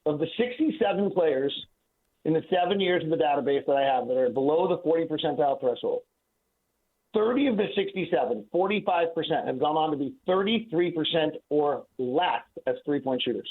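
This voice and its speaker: Over a tinny, phone-like line, a radio guest gives conversational sports analysis. His voice is fairly high, animated and brisk, and he's emphatic and argumentative, repeating himself for stress.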